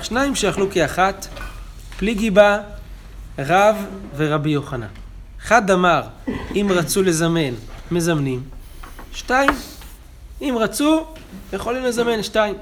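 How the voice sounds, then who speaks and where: A man's voice: high voice, slight background noise. Man teaching a Talmud page. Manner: explains texts, chanting quotations louder. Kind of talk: daily Talmud class.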